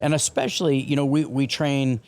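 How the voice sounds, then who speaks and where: An American man speaking as a business guest in a podcast interview, explaining things with halting, repeated words. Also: medium pitch, little pitch movement, a little mellow, dry recording, studio quality.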